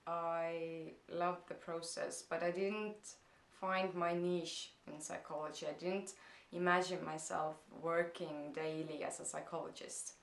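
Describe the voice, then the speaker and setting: Speaking with vocal fry in a flat, fairly low voice, a young woman from Estonia with an Estonian accent goes through viewer questions for her first vlog. The echoey room is indoors at her parents' house, and she talks slowly and hesitantly, filling gaps with plenty of "um"s.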